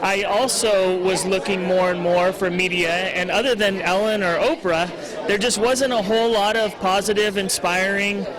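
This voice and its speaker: A man with a high-pitched voice answers as an interview guest. He explains things casually and earnestly. Crowd noise is clearly present around him. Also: fairly even intonation, normal speed, rough recording. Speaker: interview guest, show founder. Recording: event crowd noise behind.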